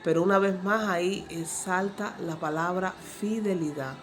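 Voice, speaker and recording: A woman giving Bible teaching in an unhurried, reflective way, pausing with fillers and speaking to her listeners directly. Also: fairly low pitch.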